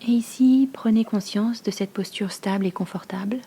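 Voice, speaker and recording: Long pauses mark this slow, hushed guided meditation from a yoga nidra teacher, whose soft, breathy voice is soothing and mid-range.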